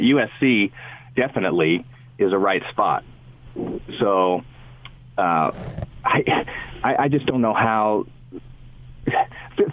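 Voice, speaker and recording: A man calling in as a sports radio guest, talking in a casual, rambling way with lots of restarts and small chuckles. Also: on the low side. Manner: rambling, restarts often, chuckles between thoughts. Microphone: phone call. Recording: tinny phone line.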